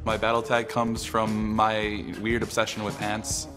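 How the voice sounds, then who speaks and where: Low-voiced young man, relaxed. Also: measured pace, music in the background. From California. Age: 20s. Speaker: competitive player. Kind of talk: casual interview.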